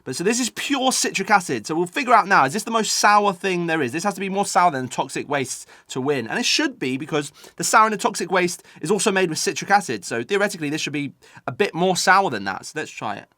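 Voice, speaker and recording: A man's voice: high voice, sing-song, fast, bright, forceful tone, dry recording. A British man talking casually to viewers as he eats sour candy in a taste-test vlog. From United Kingdom. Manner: eating sour candy while talking, reacting to the sourness. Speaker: host of a taste-test video.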